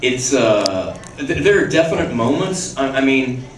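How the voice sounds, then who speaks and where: Animated, profane man in an echoey hall. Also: mid-range voice, measured pace, slight background noise. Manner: profane, laughing, restless storyteller with many restarts. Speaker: guest actor at a fan Q&A. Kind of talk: casual anecdote telling. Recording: echoey hall from far off with ambience.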